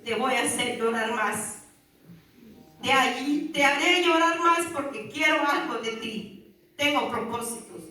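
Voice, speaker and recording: A woman's voice: sits high, unhurried, bright, forceful tone. A woman earnestly giving a religious testimony to a congregation, calling her listeners brother and sister. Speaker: church member giving testimony. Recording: very echoey hall, far from mic, faint music.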